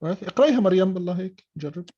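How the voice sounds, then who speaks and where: Teaching English over a dull, muffled online call, this guy talks very fast with a high, warm, expressive voice. His explanation blends Arabic into the English, punctuated again and again by "okay?"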